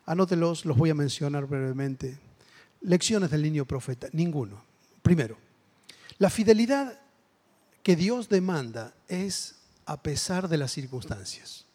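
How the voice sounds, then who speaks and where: A man's voice: fairly high pitch, expressive, measured pace, dark tone, slightly rough. A man with a Rioplatense Spanish accent preaching a sermon, telling a story with acted-out voices and building to emphatic exhortation.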